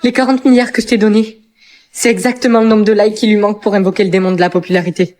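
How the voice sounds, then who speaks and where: A woman playing a bossy, scolding young woman in a scripted skit, with a brisk, exclamatory delivery. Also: mid-range voice, flat delivery, darkish tone, close to an everyday voice. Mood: urgent. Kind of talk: scripted skit narration, text-to-speech dialogue.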